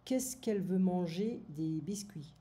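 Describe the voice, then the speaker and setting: A woman's voice: fairly low pitch, animated, unhurried, dark tone. A woman French tutor going over a lesson summary for her student, explaining in French and then repeating it in English.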